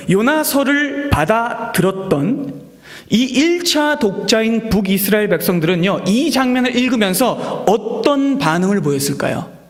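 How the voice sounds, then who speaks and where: High-voiced man preaching in an echoey hall. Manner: animated, acts out quoted voices, drops to whispers. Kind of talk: expository sermon. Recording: echoey hall with long reverb.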